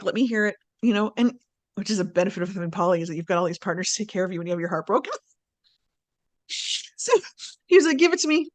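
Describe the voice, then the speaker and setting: Expressive woman telling a personal story. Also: medium pitch, no room sound. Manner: expressive, animated, acts out quoted voices. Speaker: summit guest.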